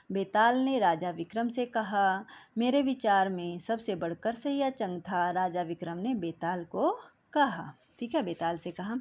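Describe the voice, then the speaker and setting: A woman teacher patiently working through a children's textbook exercise, often pausing to check in with her class. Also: medium pitch, darkish tone. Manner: patient, repeats "ठीक है" between steps.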